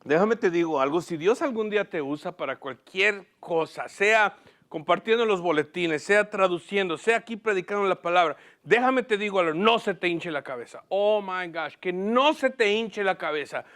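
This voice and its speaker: Male pastor, high voice, lively sermon with questions to the congregation, slips in English words. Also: moderate pace. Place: church platform.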